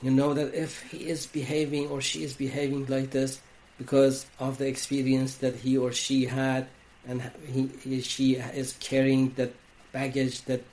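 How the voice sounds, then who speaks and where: A man from Iran with an Iranian accent, a wellness coach speaking as a podcast guest, talking in a slow, reflective way with frequent restarts. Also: mid-range voice, completely flat delivery, a little mellow. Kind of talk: reflective interview talk.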